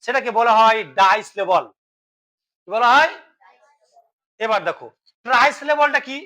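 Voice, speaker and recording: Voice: medium pitch, animated, normal speed, bright, forceful tone, poor audio. A teacher giving a classroom grammar lesson, asking questions and then answering them, and spelling words letter by letter.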